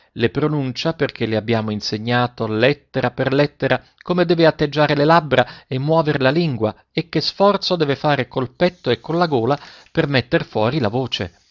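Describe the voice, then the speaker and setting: A man reading an audiobook voices a patient woman schoolteacher who explains softly and evenly. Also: mid-range voice, highs cut off, close to an everyday voice. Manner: soft, measured, explaining.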